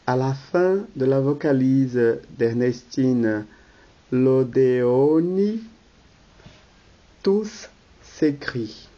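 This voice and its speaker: A reader of all the roles, calmly reading the stage directions in a rehearsal read-through of a play. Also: mid-range voice, drawn-out words, pauses often, dull audio.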